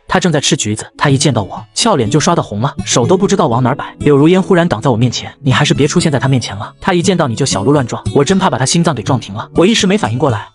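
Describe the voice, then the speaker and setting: A man narrating a web novel in a steady scripted reading. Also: a little high. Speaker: story narrator.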